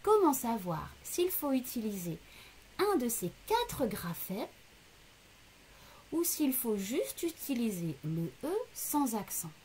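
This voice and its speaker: A woman's voice: on the high side, sing-song, slow, warm tone, a little hiss or hum. A woman teacher giving a recorded lesson to young children, patiently breaking words into syllables and speaking to the child directly. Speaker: primary school teacher.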